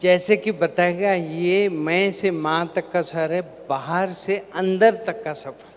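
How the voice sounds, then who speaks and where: A man's voice: high voice, steady tone, takes it slowly. A man giving a devotional seminar talk to a live gathering. He poses questions to the crowd and then answers them himself. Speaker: spiritual seminar speaker. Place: large hall with an audience. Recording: long hall reverb, faint background noise.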